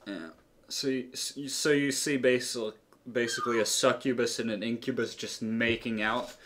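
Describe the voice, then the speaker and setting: A man's voice: medium pitch, steady tone, moderate pace, fairly bright tone. A man running a tabletop roleplaying game, describing the scene with many fillers and restarts. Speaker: game master.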